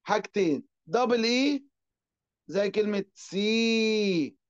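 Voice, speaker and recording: A man with an Egyptian Arabic accent teaching an online class. He asks and answers his own questions and draws out English words slowly. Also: sits high, a little mellow, lo-fi sound.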